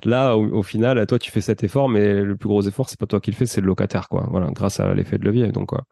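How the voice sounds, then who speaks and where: With a quick pace and fairly even intonation, this guest's low voice is creaky and dark with a breathy edge, in clean studio sound without room tone. An entrepreneur and property investor from France of Portuguese heritage, he recounts his experience informally and at length, slangy and explanatory, in a relaxed interview.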